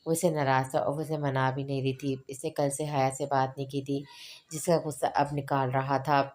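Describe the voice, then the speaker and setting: Brief: female audiobook narrator, low pitch, flat even delivery, measured pace. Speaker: novel narrator. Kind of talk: audiobook novel reading.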